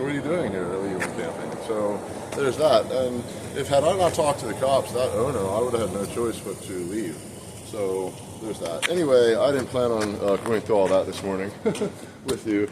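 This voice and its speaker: A man's voice: lowish voice, dark tone, poor audio. A man on a bike tour chatting casually to camera in a rambling, laughing way, outdoors by a road. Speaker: bike touring vlogger. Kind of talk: casual vlog chat. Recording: outdoor clip with wind and traffic noise.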